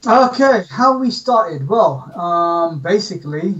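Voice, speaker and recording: A man from the UK, telling his story as an interview guest in a relaxed way. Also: high voice, slow pace, recorded from a distance, highs cut off. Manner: relaxed storytelling, says "yeah?". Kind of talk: casual interview.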